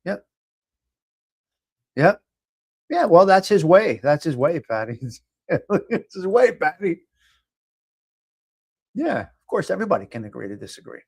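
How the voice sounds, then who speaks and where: His fairly high, husky voice swings widely in pitch, with vocal fry, a measured pace, and frequent pauses. The New York-accented livestream host reads viewers' comments in a relaxed chat, speaking emphatically and often restarting or repeating.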